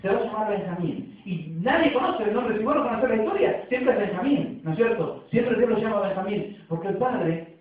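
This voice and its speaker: High-voiced Argentine pastor, echoey and distant. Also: male voice, expressive, a little fast. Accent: Argentine Spanish. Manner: conversational preaching with frequent tag questions. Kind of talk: sermon. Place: church. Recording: echoey, distant, phone-like church recording.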